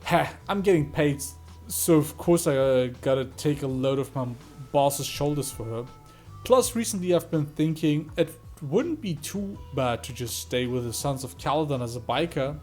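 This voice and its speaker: Guy reading as a chill tough merc biker from a game, slightly high voice. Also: moderate pace, a little mellow, faint music behind, close to an everyday voice. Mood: cool. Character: cool, loyal male mercenary biker. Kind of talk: reading game dialogue aloud.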